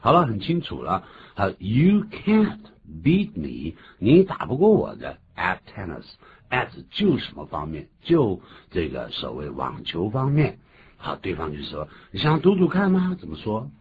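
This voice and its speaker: A man hosts a bilingual radio English lesson, explaining pronunciation emphatically like a teacher. His voice is on the low side with wildly swooping pitch and a measured pace. The sound is tinny and phone-like, with faint noise.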